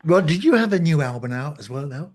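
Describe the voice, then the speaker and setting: A man's voice: on the high side, expressive, fast talker. A man interviewing a musician, asking short questions and offering brief backchannels. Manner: brief prompts, friendly backchannels. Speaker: interviewer host. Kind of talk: casual interview chat.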